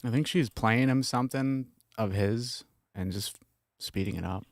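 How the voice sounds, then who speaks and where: A man's voice: medium pitch, measured pace, noisy background. A man hosting a stream, making offhand, casual comments as he plays recordings. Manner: offhand, mumbling asides.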